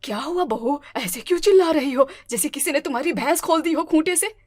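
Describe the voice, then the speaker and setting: A woman's voice: high voice, brisk, a little mellow, close to an everyday voice. A woman voicing a strict, domineering older mother-in-law in a cartoon, with a commanding, scolding manner. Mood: stern. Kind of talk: cartoon voice acting.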